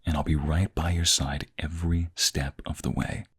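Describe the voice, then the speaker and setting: Man as a very deep, breathy boyfriend in ASMR role-play. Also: level tone, normal speed, heavily acted. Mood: gentle, reassuring. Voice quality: low, breathy, gravelly. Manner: soft, gentle, soothing, intimate. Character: tender, reassuring boyfriend comforting his crying partner.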